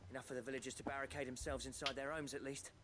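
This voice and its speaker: A man's voice: medium pitch, flat delivery, rapid-fire, heavy background noise, lightly acted. An actor playing a friendly, plain-spoken male villager.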